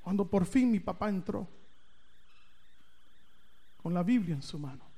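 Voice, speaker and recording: A man preaching, telling a dramatic personal story with big swings in loudness and pitch. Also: animated, a little slow, breathy edge. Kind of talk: storytelling sermon. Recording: reverberant hall.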